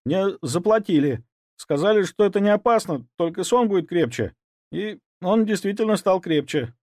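A man's voice: sits high, expressive, normal speed, a little mellow, dry recording, clean studio sound, pitched above the performer's own voice. A man voicing a frightened young male servant who stammers and pleads. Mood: frightened pleading. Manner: stammering, whimpering.

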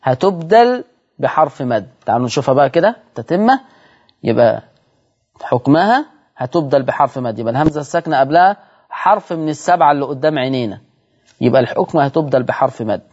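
A man's voice: mid-range voice, expressive, fast talker, a little mellow, slightly rough. Egyptian male Quran teacher, dull lo-fi audio. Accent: Egyptian Arabic. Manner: explains step by step, repeats points, asks viewers rhetorical questions. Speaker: Quran recitation teacher and show host. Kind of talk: televised Quran recitation lesson.

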